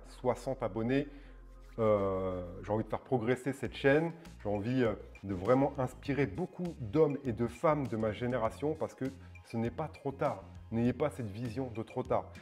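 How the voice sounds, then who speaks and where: A middle-aged man explains things casually to his viewers, his voice at an ordinary pitch. He hesitates often, restarts his sentences and keeps checking that they follow. Faint music plays behind him. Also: darkish tone. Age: 40s. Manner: hesitant, many fillers and restarts, keeps asking "d'accord?". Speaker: fitness channel host. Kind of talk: casual explanatory video talk.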